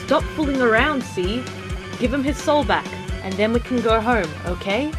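A woman voicing a playful, confident skeleton artist guardian in an animated fan dub, casual and teasing but caring. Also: on the high side, normal speed, natural voice. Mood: firm, casual. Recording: music behind the voice.

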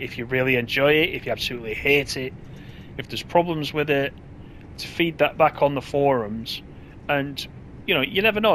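A man's voice: mid-range voice, sharp tone, a little hiss or hum. A man giving casual, chatty gameplay commentary as he drives a train, thinking aloud in an easygoing way.

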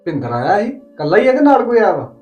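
A man's voice: sits high, sing-song, fast talker, darkish tone, soft background music. A man with a Punjabi accent playing a stubborn husband speaking over the phone in a family drama, grumbling.

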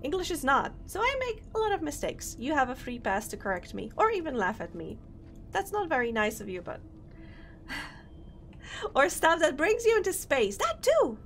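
Big pitch swings color the high voice of this young woman from Poland, who talks at a moderate pace over soft background music. A native Polish speaker with a matching accent, she's a VTuber chatting bubbly and greeting viewers while she games live.

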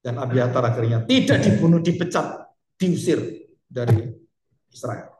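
A man's voice: medium pitch, expressive, normal speed, a little mellow, echoey room, a little hiss or hum. A male pastor preaching a sermon emphatically, asking rhetorical questions and speaking straight to the congregation.

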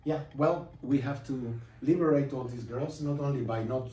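A middle-aged man from Guatemala giving an emphatic classroom lecture with slides, pausing and repeating lines for effect. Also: mid-range voice, mellow. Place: classroom with projector screen, indoors. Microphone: far camera, no mic seen. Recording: echoey classroom from far off.

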